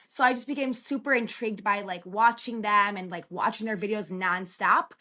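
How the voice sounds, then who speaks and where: Speaking with a bright, forceful tone in a mid-range voice at normal speed, this woman is a thirtysomething relocation consultant from Chicago, United States. As a podcast guest in a laid-back interview, she chats encouragingly and leans heavily on filler words.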